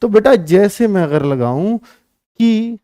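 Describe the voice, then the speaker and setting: Patient, slow-speaking Indian-language teacher, man. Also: sits high, expressive, dark tone, no echo, studio quality. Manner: patient, repeats phrases slowly for emphasis; addresses students as children. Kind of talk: classroom grammar lesson.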